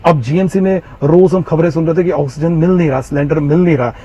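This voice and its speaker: A man's voice: on the high side, quick pace, dark tone. A man with a Jammu Hindi accent telling an interviewer about his illness in an earnest, repetitive way, full of fillers. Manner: earnest, repeats himself, frequent fillers. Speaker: interviewee, Covid survivor. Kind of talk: recounting personal story in interview. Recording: slightly muffled with faint background noise.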